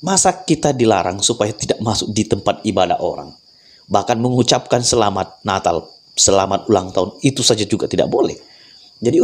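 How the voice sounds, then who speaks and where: Low male voice, measured reaction commentary, drawn-out pauses, faint noise behind.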